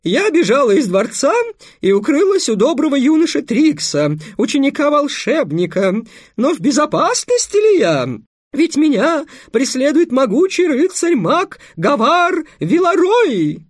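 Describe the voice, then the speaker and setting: A man voicing a gangly young man who fakes a girl's voice in a breaking falsetto, exclaiming melodramatically. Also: sing-song, a little slow, no room sound, studio quality, heavily acted. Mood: melodramatic.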